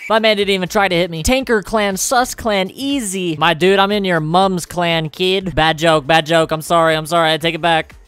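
A young man doing excitable, slangy gameplay commentary with joking bravado. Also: high voice, moderate pace, hardly any pauses, slight background noise. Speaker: gaming video host. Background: music under the voice.

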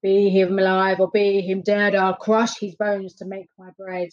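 Brief: menacing storybook giant, slow chant, mid pitch, read by a woman, muffled sound. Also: level tone, close to an everyday voice. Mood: roaring. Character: wicked man-eating male giant, roaring. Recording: dull lo-fi recording.

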